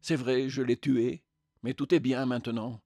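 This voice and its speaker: A serene, patient radiant spirit, as a man reading the tale puts him on, speaking calmly and reassuringly at a middle pitch. It is a storybook reading in a dry, close recording. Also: measured pace, no room sound. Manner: calm, gentle, reassuring.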